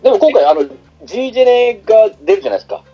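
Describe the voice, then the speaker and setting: A man in a measured, agreeable casual chat about video games. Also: high-pitched, animated, warm tone, muffled recording, faint music behind. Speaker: podcast guest.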